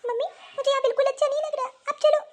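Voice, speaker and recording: A woman voicing a young village girl who is sad and tearful, in a plaintive, complaining way, for an animated story. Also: very high voice, moderate pace. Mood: hurt, tearful.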